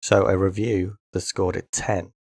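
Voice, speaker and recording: A man with a very deep, gravelly voice runs a quiz in a casual podcast chat. He answers in short, deadpan replies. The sound is dry and close. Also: a little slow, no echo. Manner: deadpan, terse. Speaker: podcast co-host, quizmaster.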